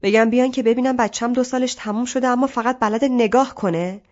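A woman reading an audiobook, voicing a harsh, worn-out mother of a toddler in a scolding, shouting manner. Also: on the high side, steady tone, lo-fi sound, lightly acted. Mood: angry.

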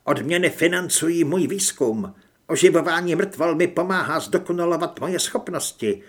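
Man doing a scheming chubby occult guy, fanatic, a bit high and husky. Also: natural voice. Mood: menacing. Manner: whining and pleading when scared.

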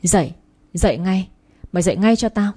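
A woman voicing a stern, hot-tempered older father who scolds and barks orders, with a husky, dark voice. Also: medium pitch, animated, a little fast, lightly acted. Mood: scolding.

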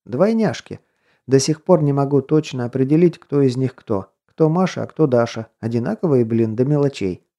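Jokey, slangy miner buddy who likes to philosophize, darkish mellow voice; a male narrator does him. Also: mid-range voice, animated, normal speed, lightly acted. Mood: chatty. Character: easygoing joking male miner buddy, father of twins. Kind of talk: audiobook character voice.

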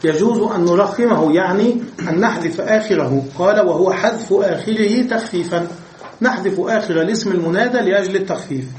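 A man with a high-pitched voice gives a patient classroom grammar lecture. He lays out each rule step by step and keeps asking the class if they follow. He is recorded from across an echoey room, so his voice sounds distant. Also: fairly quick, darkish tone, slight background noise. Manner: explains step by step, often checks understanding with questions. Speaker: Arabic grammar teacher. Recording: echoey room, voice far from the mic.

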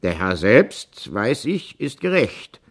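A man's voice: on the low side, very animated, slow pace, full character voice. A man reading the part of a determined horse dealer who speaks to his wife firmly but tenderly in a storybook reading. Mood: confident. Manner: firm, earnest, gently persuasive.

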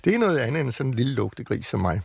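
A man's voice: medium pitch, very animated, gravelly, husky, no echo, clean studio sound, heavily acted. A man reading aloud and voicing a shy, grubby little boy pig who turns cheeky. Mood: sly.

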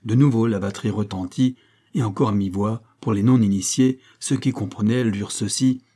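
A man reading a novel aloud as an audiobook, in steady storytelling narration that lifts for the spoken lines. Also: fairly low pitch, normal speed. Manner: steady storytelling, raising voice for dialogue. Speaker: audiobook reader. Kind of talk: scripted narration.

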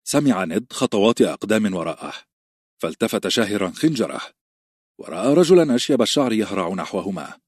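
A man reading an audiobook novel aloud in a steady, measured narration. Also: lowish voice, slightly rough, dry recording, studio quality.

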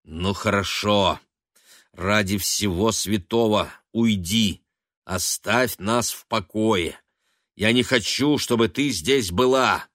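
A man's voice: on the low side, takes it slowly, dry recording, clean studio sound. A man doing a sneering, scornful young man. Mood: weary. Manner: mocking and contemptuous, often shouting.

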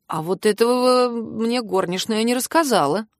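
A cheeky young prince stuck in a woman's body, as a woman reader plays him, mocks and teases those around him. The voice stays bright and fairly high, recorded close and dry. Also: moderate pace, no echo, natural voice. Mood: teasing. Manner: teasing, mocking.

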